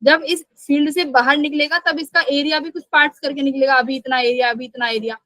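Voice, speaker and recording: A woman's voice: sits high, fairly even intonation, a little fast, pushed and bright, no echo, rough recording. A woman teaching a live online physics class, asking questions and answering them herself, and scolding students who skip class.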